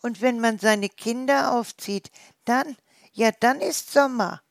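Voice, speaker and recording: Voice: medium pitch, slow pace, creaky, dry recording, clean studio sound, pitched above the performer's own voice. A storyteller voicing a caring mother wild boar in a storybook, wistful and sighing.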